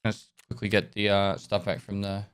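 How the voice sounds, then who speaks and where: Australian guy on a livestream headset mic, laid-back streamer voice, halting and easygoing. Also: on the low side, clean tone. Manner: relaxed, trailing off with hesitations while thanking viewers. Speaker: gaming streamer. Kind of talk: casual livestream chat while gaming.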